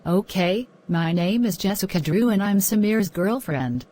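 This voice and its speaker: A woman's voice: mid-range voice, lively intonation, measured pace, warm tone. A woman playing a hurt, frustrated girlfriend giving a statement in a murder mystery film. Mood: upset, resentful.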